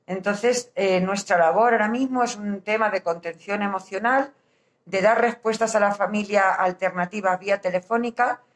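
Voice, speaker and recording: A woman with a Castilian Spanish accent explains her work as a hospital social worker informally, with hesitant pauses, her voice slightly muffled through a face mask. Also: mid-range voice. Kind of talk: informal explanatory talk to camera. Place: small indoor hospital office.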